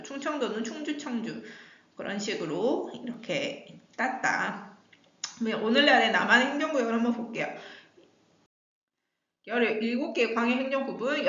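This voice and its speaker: A woman's voice: fairly high pitch, fairly bright tone. Woman teacher explaining a map, echoey. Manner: explains while pointing at a map, asks and answers her own questions. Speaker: high school geography teacher. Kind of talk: recorded lecture video. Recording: echoey room, dull lo-fi sound.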